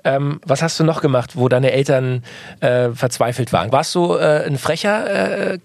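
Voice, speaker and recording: A male interviewer asks friendly, probing questions in a casual interview. His voice is mid-pitched and gravelly. The sound is dry and close. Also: normal speed, no echo. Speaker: interviewer, host.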